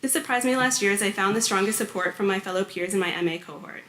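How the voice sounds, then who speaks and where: A woman's voice: medium pitch, fast, fairly bright tone. A woman from Canada, a graduate student, giving a prepared and lightly humorous speech at an orientation. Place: large hall before hundreds of students. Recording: echoey hall.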